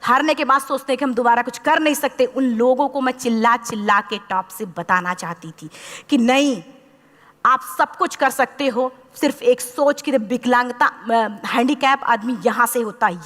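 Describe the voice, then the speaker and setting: A woman's voice: on the high side, fairly bright tone. Impassioned woman speaker in a reverberant hall. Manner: impassioned storytelling, acting out quoted dialogue. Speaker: motivational speaker. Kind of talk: motivational speech to a live audience.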